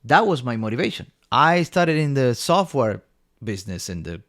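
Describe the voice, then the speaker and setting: This Argentine company co-founder has a slightly bright, mid-range voice with a sing-song lilt and a moderate pace. Eager to share his story, he rambles through it in a relaxed interview, leaning heavily on fillers.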